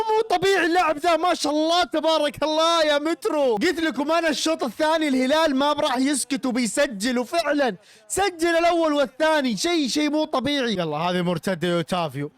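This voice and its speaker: A young Saudi man with a Gulf Arabic accent, reacting loudly to a football match as a streamer, shouting and teasing rival fans. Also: very high voice, dry recording. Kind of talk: excited live match reaction.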